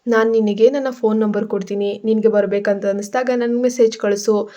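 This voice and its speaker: A woman voicing a protective mother in a spoken story, firm when scolding and gentle when soothing. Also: mid-range voice, fairly even intonation, brisk, dull audio, natural voice. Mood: tender.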